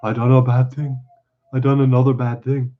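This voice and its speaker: A man's voice: mid-range voice, flat delivery, moderate pace, phone-quality sound, lightly acted. A man voicing a big, simple, childlike man in a storybook reading, with rustic, ungrammatical and earnest speech. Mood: fearful, regretful.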